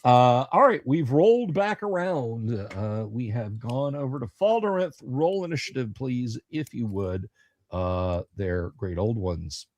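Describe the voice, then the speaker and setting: A man's voice: medium pitch, lively intonation, a little slow, darkish tone, no echo. A man running a tabletop game as game master, narrating and ruling in a playful, theatrical, improvised way.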